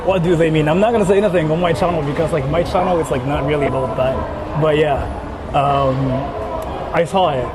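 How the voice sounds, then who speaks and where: A higher-pitched man from Japan livestreams while out in public, chatting casually with viewers in a steady tone at a fairly quick pace. His talk rambles and repeats itself, full of fillers and frequent "like," over noisy urban traffic.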